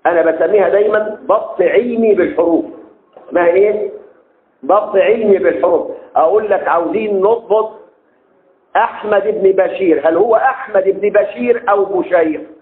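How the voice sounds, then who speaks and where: A man with an Egyptian accent teaching a class, drawing out key terms slowly and constantly asking the students rhetorical questions. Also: high-pitched. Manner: slow and drawn-out on key terms. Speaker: teacher of Arabic text verification. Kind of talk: classroom lecture. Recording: echoey room over a tinny phone-like line.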